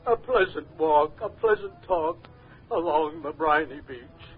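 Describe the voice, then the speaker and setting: A man voicing a pompous, sentimental walrus in a storybook recording, speaking slowly and drawn out. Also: a little high, animated. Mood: solemn. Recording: tinny lo-fi old record.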